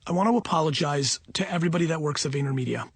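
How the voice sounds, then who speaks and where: A man telling a personal story in a casual, excited, rambling way, often breaking off mid-sentence. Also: on the high side, racing, slightly rough, no echo. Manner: excited, rambling, self-interrupting. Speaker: speaker answering audience questions.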